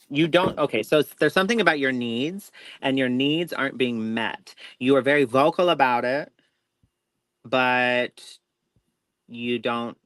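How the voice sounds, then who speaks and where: A man's voice: medium pitch, a bit bright, clear, resonant tone, no echo, low-quality recording. A man co-hosting a live show, giving a tarot reading in a rambling, self-interrupting way with folksy reassurance. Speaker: tarot reader, co-host.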